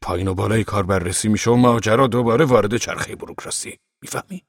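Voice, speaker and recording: A man doing a gruff stubborn old grump. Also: fairly low pitch, dry recording, clean studio sound. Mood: defiant grumbling. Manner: blunt, irritable, dismissive.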